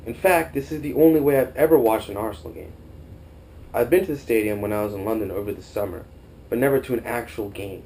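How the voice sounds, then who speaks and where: A man's voice: fairly low pitch, fast, mellow, slight background noise, rough recording. A young man from Costa Rica giving an earnest, formal scripted narration as a student documentary narrator. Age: young adult.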